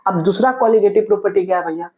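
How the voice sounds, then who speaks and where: A man's voice: high-pitched, quick pace, warm tone, low-quality recording. A man teaching chemistry, asking questions and answering them himself. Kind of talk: classroom lecture.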